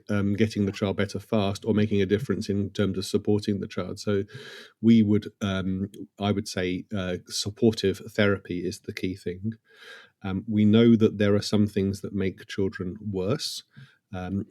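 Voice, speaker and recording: A middle-aged man, a consultant paediatrician, explaining clinical practice in a podcast interview with measured, dry humour. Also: on the low side, dark tone.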